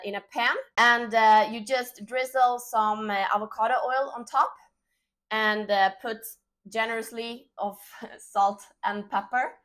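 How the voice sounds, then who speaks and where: A native Swedish speaker with a Swedish accent, this woman hosts a cooking show and gives a relaxed, chatty demonstration in her home kitchen, full of fillers. Her voice sits a little high.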